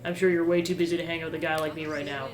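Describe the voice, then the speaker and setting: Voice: mid-range voice, flat delivery, racing, close to an everyday voice. A game player voicing a self-pitying, eager teenage boy with a chatty, complaining manner. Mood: eager, sheepish. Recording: roomy echo with game music behind.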